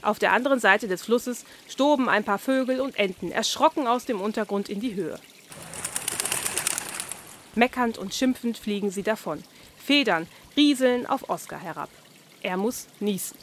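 A woman reading a children's story aloud in a lively, expressive way. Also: medium pitch, normal speed, a little hiss or hum. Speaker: narrator.

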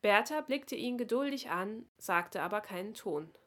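A woman reading a children's Christmas story aloud in a calm, expressive voice. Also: medium pitch, measured pace.

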